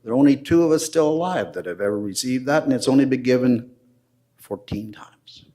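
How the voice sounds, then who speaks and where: An older man addressing a city council, presenting his case formally with slow, deliberate emphasis. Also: mid-range voice, animated, warm tone.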